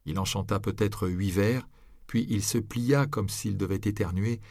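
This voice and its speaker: A man reads an audiobook aloud, telling the story in a measured, even way. His voice sits lowish, and the recording is clean studio sound with no echo.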